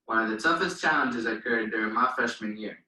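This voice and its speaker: A man's voice: lowish voice, a little fast, bright, forceful tone, roomy sound, distant mic, low-quality recording. A young man from Palestine, a native Arabic speaker, giving an earnest, formal valedictorian speech at a graduation. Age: young adult. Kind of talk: commencement speech.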